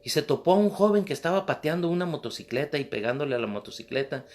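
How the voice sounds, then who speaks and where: A man giving a Bible class sermon, his voice sitting fairly high. He preaches emphatically and repeats key phrases to drive them home. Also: lively intonation, fast talker, a little mellow.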